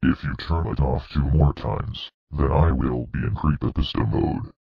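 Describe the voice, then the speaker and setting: Brief: a menacing demonic cartoon dinosaur, extremely deep and gravelly, dull lo-fi sound. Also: male voice, steady tone, full character voice. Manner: gloating, threatening, slow and deliberate. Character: demonic evil male purple dinosaur, menacing. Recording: dull muffled lo-fi audio.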